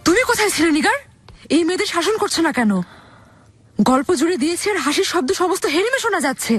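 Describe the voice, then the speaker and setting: A shrill, scolding princess. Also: female voice, animated, fast, slightly rough, no room sound. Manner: scolding, sharp commands. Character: imperious young princess, quick to anger. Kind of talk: dubbed TV drama. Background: music.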